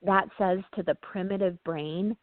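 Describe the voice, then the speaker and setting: A woman guest speaking as a parenting trainer, explaining casually, often pausing on "um" and checking in with "right?". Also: mid-range voice, fairly even intonation, dry recording. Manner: talks through ideas with frequent "um" and tag "right?". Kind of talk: casual explanatory interview talk. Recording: tinny phone-like line, dry.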